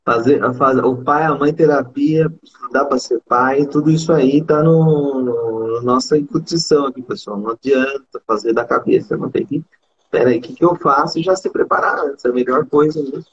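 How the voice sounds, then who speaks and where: A man's voice: mid-range voice, normal speed. A man hosting a casual live chat about parenting, reading viewer comments aloud. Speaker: host. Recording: dull lo-fi audio.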